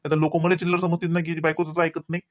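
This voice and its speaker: Guy doing a cranky cartoon husband, rapid-fire lecturing, dry studio. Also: fairly high pitch, monotone, no echo, lightly acted. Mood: stern. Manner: nagging, lecturing, rapid scolding. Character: scolding husband Ravi, grown man, short-tempered. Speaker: voice actor. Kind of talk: cartoon voice acting.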